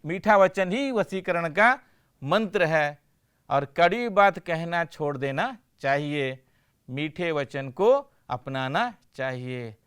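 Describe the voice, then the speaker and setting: Slow, clear-voiced male teacher. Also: fairly high pitch, lively intonation, fairly bright tone. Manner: slow, questioning, answers his own questions with "हाँ" and praise. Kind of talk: classroom lecture.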